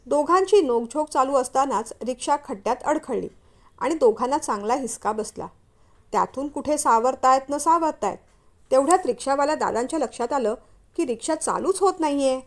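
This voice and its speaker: Woman reading a story aloud, high voice, steady even telling. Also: moderate pace. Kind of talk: scripted narration.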